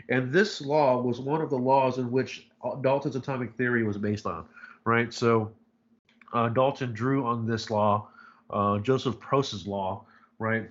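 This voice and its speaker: This chemistry instructor has a medium-pitched, slightly bright voice, captured on a muffled recording. He's giving a live online chemistry lecture in a casual, rambling style, full of fillers and frequent "right?" checks.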